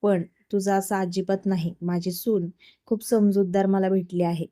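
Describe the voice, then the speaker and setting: Narrator woman plays doting older mother-in-law, praising, slow, mellow voice. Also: mid-range voice, fairly even intonation, no room sound, clean studio sound, natural voice. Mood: fond. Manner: warm, praising.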